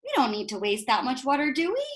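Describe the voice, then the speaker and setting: Reading a picture book to young children like a teacher, this woman speaks at a quick pace in a voice that sits high. She stays animated and instructive, with explanatory asides and rhetorical questions for the kids.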